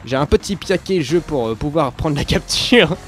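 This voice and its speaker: A young man talks over his gameplay in a slightly high voice, stumbling through his words with many hesitations. Faint game music plays under his commentary. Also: animated, normal speed, a bit bright. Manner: rambling, loses his thread, many fillers. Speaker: let's play commentator. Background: game sounds and music.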